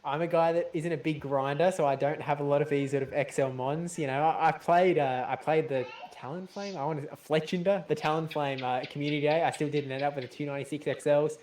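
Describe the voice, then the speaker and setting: A man commentating a live game match, friendly and quick to laugh. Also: a little high, fairly even intonation, a little mellow, slight background noise. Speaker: esports caster.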